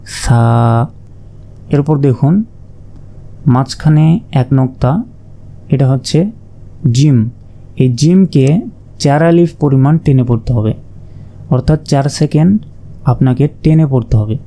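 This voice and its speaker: Man, slow patient lesson, mellow voice, repeats each letter. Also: mid-range voice. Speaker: Quran reading teacher.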